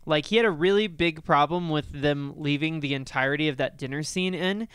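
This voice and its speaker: A man co-hosting a podcast, talking about a film in a rambling, animated, profane way. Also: fairly high pitch, a little fast, smooth, no echo, clean studio sound. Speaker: podcast co-host. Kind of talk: casual film discussion.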